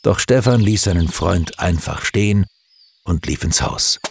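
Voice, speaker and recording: A man reading a children's story aloud with expressive, dramatic storytelling. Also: deep voice, unhurried, creaky, very noisy.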